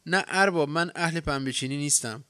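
Male reader as a plain-spoken drifter handyman, earnest, clear tone. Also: on the high side, pushed and bright, no room sound, clean studio sound. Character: quiet wandering handyman, calm and earnest.

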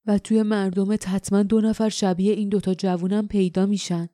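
Woman acting out a stern male leader, gruff, commanding, dark mellow voice, dry close sound. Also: mid-range voice, flat delivery, no room sound, lightly acted. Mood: scheming. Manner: commanding, plotting. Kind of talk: audiobook character voice.

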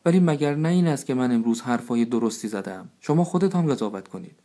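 A man's voice: mid-range voice, animated, warm tone, voice pushed up, lightly acted. A man voicing a foolish, self-satisfied male village council head in a storybook reading, speaking in a proclaiming way.

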